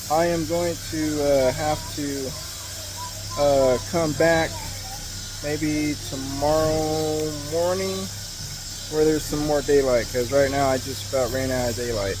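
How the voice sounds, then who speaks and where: A man's voice: fairly high pitch, fairly even intonation, unhurried. A young man chatting casually while he works on a truck outdoors, rambling with lots of fillers and restarts. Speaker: hobby mechanic vlogger. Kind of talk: casual work-along commentary. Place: outdoors in a driveway beside a truck. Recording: noisy outdoor camera audio.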